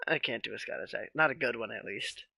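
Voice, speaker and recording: Guy rambling on his stream, kinda gravelly, dry close mic. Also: medium pitch, fast, no room sound. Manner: relaxed, rambling, with many fillers and trailing questions. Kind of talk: casual live-stream chat with viewers.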